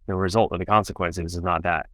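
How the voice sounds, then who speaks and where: A man's voice: low-pitched, fairly even intonation, quick pace, fairly bright tone, dry recording, studio quality. A man coaching a client on his marriage, affirming him and often checking in with "right?". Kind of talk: coaching interview.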